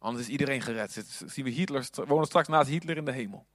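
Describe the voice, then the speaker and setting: A man preaching a sermon, moving between hushed, whispered passages and loud, fervent appeals. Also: medium pitch, fast talker, no echo, studio quality.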